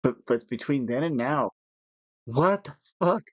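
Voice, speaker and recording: A man chatting casually while gaming, rambling with nervous laughs and animated asides. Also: medium pitch, a little slow, no echo, highs cut off. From United States. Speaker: gaming podcast co-host.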